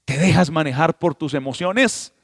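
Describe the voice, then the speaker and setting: A man's voice: fairly high pitch, normal speed, no room sound, studio quality, long reverb tail. Emphatic male pastor preaching. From Colombia. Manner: preaching with emphatic rises and exclamations. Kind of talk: sermon.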